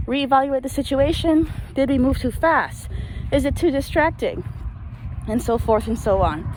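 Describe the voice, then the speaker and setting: A woman chatting casually to camera as she walks and handles her dog, explaining things like an owner giving training tips. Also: sits high. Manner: talking while out walking and handling a dog. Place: out on a walk with a dog. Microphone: handheld camera microphone. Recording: noisy handheld camera recording.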